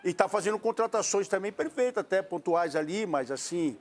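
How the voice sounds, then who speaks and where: A high-pitched Brazilian man argues football as a pundit. His delivery swings widely up and down, and his s sounds come out slushy, with a tongue-tied lisp. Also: expressive, fairly quick. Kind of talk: bantering sports debate.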